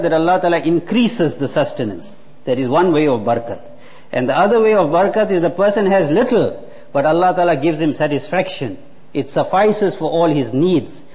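A man's voice: a little high, darkish tone. A man, preaching a sermon earnestly and repeating words for emphasis. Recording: muffled hall with long reverb.

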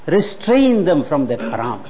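A man's voice: a little high, sing-song, a little slow, mellow. A man, preaching a sermon earnestly and repeating words for emphasis. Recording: muffled hall with long reverb.

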